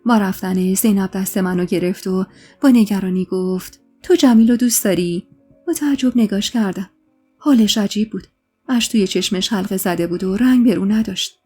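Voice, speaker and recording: A woman narrates a true-life story in a steady storytelling voice. Her tone is warm and mellow, and faint music plays underneath. When she speaks the characters' lines, she lifts them with extra feeling. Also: breathy edge. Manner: voices the characters' lines with raised pitch and emotion.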